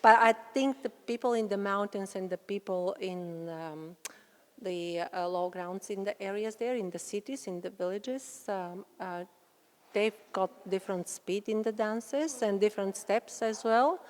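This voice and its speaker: A woman's voice: medium pitch, unhurried, darkish tone. A woman answering interview questions in a friendly, hesitant way with many fillers. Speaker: interviewee, mother and dancer. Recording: long hall reverb.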